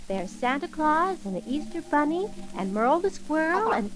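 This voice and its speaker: Sweet high-voiced woman storyteller. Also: sing-song, normal speed, rough recording. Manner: sweet, gently theatrical storytelling with gasps. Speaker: storyteller and host. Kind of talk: 1940s children's record narration.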